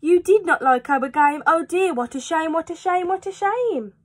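A woman's voice: very high-pitched, animated, normal speed, pitched above the performer's own voice. A woman voicing a playful, self-assured trickster cat from a storybook in a showy manner. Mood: disappointed.

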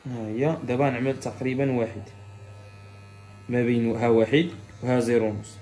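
A man's voice: medium pitch, little pitch movement, fairly quick, dark tone, reverberant, a little hiss or hum. A man with a Moroccan accent, a barber who explains a haircut step by step and repeats each step to his viewers. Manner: instructive, repeats steps, talks straight to viewers. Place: barbershop salon.

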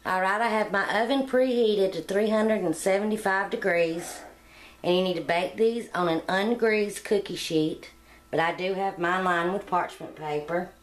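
A middle-aged woman hosts a home cooking channel, giving a casual voice-over as she walks through a recipe step by step in her kitchen. She sounds homey and plain-spoken, with a medium-pitched voice at a moderate pace.

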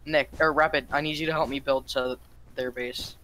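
An excited young man barking orders at his teammates mid-game, swearing as he goes. His voice is bright and forceful, with a faint hiss behind it. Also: medium pitch, moderate pace. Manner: excited, bossy, swears often. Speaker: gamer. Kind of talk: casual gaming chat.

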